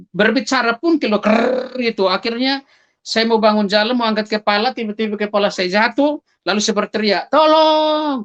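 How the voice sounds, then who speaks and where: A man's voice: sits high, fairly bright tone, muffled recording. A man giving a personal testimony, telling it dramatically and calling his listeners brothers and sisters, acting out his own cries for help in a raised voice. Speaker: testimony speaker.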